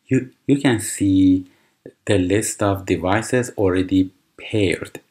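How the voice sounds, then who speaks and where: A native Persian speaker with a very deep, slightly mellow male voice slowly guides viewers through a screen-recorded software tutorial. He patiently explains every step, pausing on fillers and restarting phrases, while mouse clicks occasionally sound.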